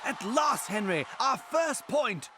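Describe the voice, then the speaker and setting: A man's voice: very high-pitched, big pitch swings, slow, sharp tone, raised voice, slight background noise, exaggerated voice. A man voicing an encouraging talking tennis racket in a cartoon, like a coach. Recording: music playing behind.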